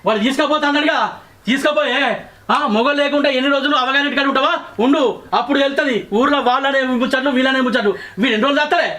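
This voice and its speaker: A man's voice: extremely high pitch, fairly even intonation, racing, sharp tone. A man with a Telangana accent playing an arrogant, drunken husband who taunts and boasts. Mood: scornful. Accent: Telangana Telugu. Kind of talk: short film drama acting.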